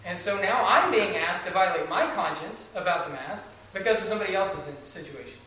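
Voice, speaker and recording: A man's voice: high voice, bright, forceful tone. A man talking earnestly and emphatically in a church meeting debate, speaking through a face mask. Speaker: church member. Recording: very echoey room, distant mic, faint noise.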